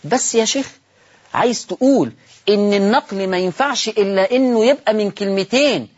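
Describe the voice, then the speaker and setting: A man with an Egyptian Arabic accent teaching a Quran reading lesson with a husky, slightly breathy voice. He stretches key words slowly, repeats them, and asks his listeners questions. The sound is muffled and lo-fi, as if taken from an old broadcast. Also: high voice.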